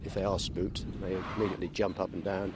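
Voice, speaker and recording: Deep-voiced farmer over loud outdoor noise. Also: male voice, flat delivery, fast talker. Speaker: farmer interviewee. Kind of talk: interview answer.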